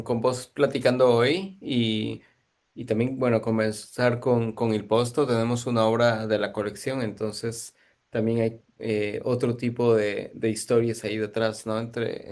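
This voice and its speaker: A man's voice: medium pitch, a little mellow. A man from Guatemala, a museum curator giving thoughtful, searching answers in an interview.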